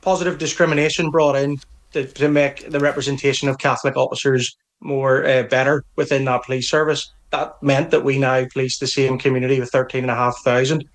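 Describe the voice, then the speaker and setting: This interviewee, a middle-aged police association representative from Northern Ireland, talks a little fast in a mid-range voice with a level tone. His answers are firm and earnest, with frequent restarts of his phrases.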